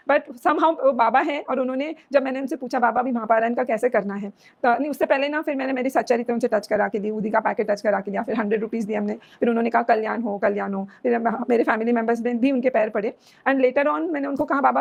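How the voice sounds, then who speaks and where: A young woman recounts a personal experience in earnest, emotional testimony, sliding between languages mid-sentence. Her voice sits high with a gravelly, fry-tinged texture. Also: quick pace. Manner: mixes Hindi, Marathi and English mid-sentence. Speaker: devotee sharing a personal experience.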